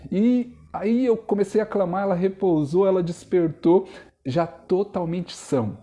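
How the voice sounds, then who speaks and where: Earnest young preacher, mellow voice. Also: male voice, sits high, unhurried. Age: young adult. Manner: earnest storytelling, addresses listeners as brothers. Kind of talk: sermon testimony.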